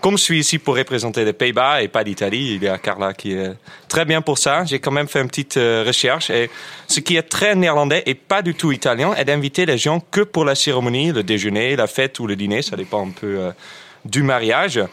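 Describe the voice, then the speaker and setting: A man's voice: mid-range voice, a little fast, fairly bright tone. A man from the Netherlands, speaking French on a radio panel and telling wry anecdotes. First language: Dutch. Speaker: radio columnist. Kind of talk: casual radio panel chat.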